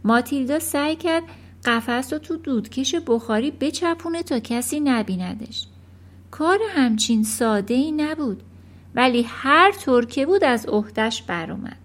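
Animated, high-voiced woman reading aloud. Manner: expressive, animated. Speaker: audiobook narrator. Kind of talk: children's storybook reading.

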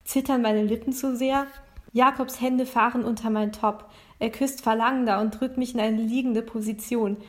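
A woman's voice: fairly high pitch, steady tone, moderate pace. Woman reading a first-person story. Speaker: narrator.

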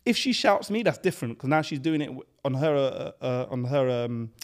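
A man's voice: medium pitch, expressive, brisk. A man with a London accent and urban roadman slang delivery, debating casually as a podcast panellist.

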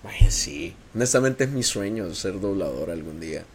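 A man's voice: deep voice, lively intonation, normal speed, slight background noise. A man co-hosting a podcast in casual, laid-back chat, slangy and enthusiastic. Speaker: podcast co-host.

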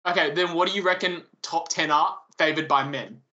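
A man's voice: a little high, fairly quick, sharp tone, highs cut off. A man hosting a casual chat among friends, reading out a ranked list and teasing the others.

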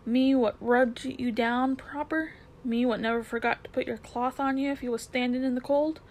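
A woman's voice: sits high, fairly even intonation, moderate pace, darkish tone. A woman voicing a plain-spoken London cabman with a Cockney accent, dropping his h's. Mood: earnest. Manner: h-dropping, earthy and blunt.

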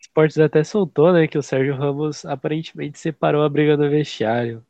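A man's voice: a little high, steady tone, brisk, creaky, mellow, dry recording, lo-fi sound. A Brazilian man co-hosting a podcast in casual, slangy, opinionated football chat, his duck-like voice nasal and congested from a blocked nose. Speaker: podcast co-host.

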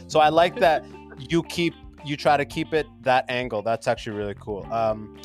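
A man's voice: mid-range voice, fairly even intonation, moderate pace, loud music behind the voice. A man from Sudan in his thirties, a comedian guest chatting casually on a podcast from his basement, joking and laughing between lines. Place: home basement.

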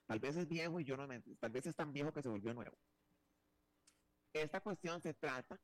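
A man's voice: mid-range voice, no echo. Guy hosting a talk show, playful and flamboyant, rambles and teases, dry close sound. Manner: flamboyant, teasing, chatty with many restarts. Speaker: show host.

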